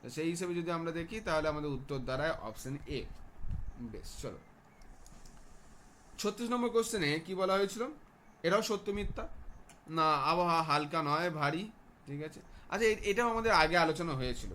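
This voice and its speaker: A man's voice: fairly high pitch, lively intonation, moderate pace, long pauses, sharp tone, slight background noise. A man teaching a class, walking students through exam answers and often checking that they follow.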